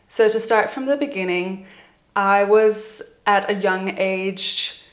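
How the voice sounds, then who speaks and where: A woman in her late twenties shares her story in a candid, gentle and self-reflective way, with a light laugh here and there. Her voice sits at an ordinary middle pitch, and the room around her rings with a noticeable echo. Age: 20s. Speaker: vlogger. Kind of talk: personal reflective vlog talk. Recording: roomy echoey room.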